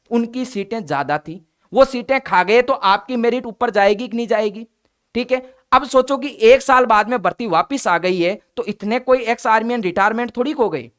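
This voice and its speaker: A man's voice: very high voice, a bit bright. A man, an exam coaching teacher speaking bluntly and directly to his viewers in a conversational update talk.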